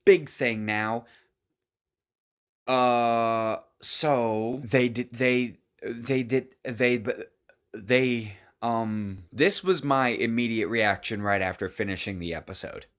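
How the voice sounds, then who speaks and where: Male video reviewer, unhurried and chatty, mid-range voice, rambling delivery. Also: mid-range voice. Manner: chatty, rambling, heavy on fillers, swears. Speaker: TV episode reviewer.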